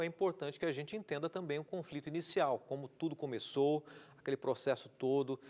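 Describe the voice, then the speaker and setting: A man's voice: fairly high pitch, darkish tone. A man with a Brazilian Portuguese accent, a pastor teaching a Bible study on a TV program, earnest and repeating key words, asking rhetorical questions and reading out viewer messages. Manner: reads out viewer messages with greetings. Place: TV studio.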